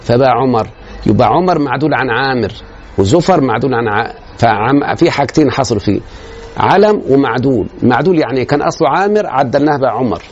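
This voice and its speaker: A man's voice: mid-range voice, lively intonation, fast, highs cut off, slight background noise. A man with an Egyptian Arabic accent giving a grammar lecture to a class. He explains step by step and keeps checking that his students follow.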